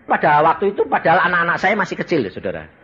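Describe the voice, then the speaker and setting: A man preaching a testimony sermon, telling his story dramatically with sudden loud exclamations. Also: fairly high pitch, very animated, quick pace, breathy edge. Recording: slightly dull recording with faint ambience.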